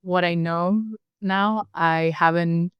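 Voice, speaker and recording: This nutritionist, an Indonesian woman in her twenties, is a laid-back guest in a casual interview who laughs readily and fills her speech with "like." She talks slowly in a smooth, lowish voice, recorded lo-fi with no echo.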